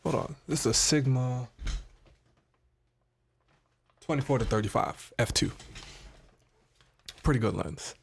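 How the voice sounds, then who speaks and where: Slightly nasal from a cold, a man runs a relaxed, chatty live stream about his streaming equipment, stopping occasionally to handle gear. He's a tech streamer at his home setup indoors, using a desk studio mic that picks up a little hiss or hum. His voice is medium-pitched with some vocal fry.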